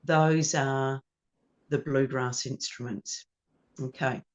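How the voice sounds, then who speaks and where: A woman with an Australian accent, a ukulele teacher and performer, telling lively anecdotes in an interview and acting out the quotes. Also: very deep voice, slow pace. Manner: animated anecdotes with acted-out quotes. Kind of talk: storytelling in an interview. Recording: dull lo-fi sound.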